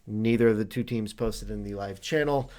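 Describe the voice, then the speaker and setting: A man's voice: on the low side, dark tone. Man laying down league rules. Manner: halting, many fillers, firm about rules. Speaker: league commissioner host. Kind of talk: casual league update talk.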